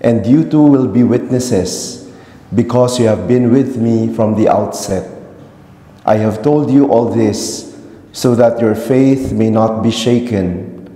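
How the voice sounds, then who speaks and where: Priest reading the gospel. Slow, deep, very dark voice with a long cathedral echo, heard from far off. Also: male voice. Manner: slow, solemn, measured proclamation. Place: large church. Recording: echoey church from far off.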